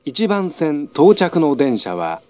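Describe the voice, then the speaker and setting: A male announcer reads a formal train station announcement. His pitch is a little high and moves in lively steps. He takes his time over measured set phrases, with a dry sound. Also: dry recording. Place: station platform public address system.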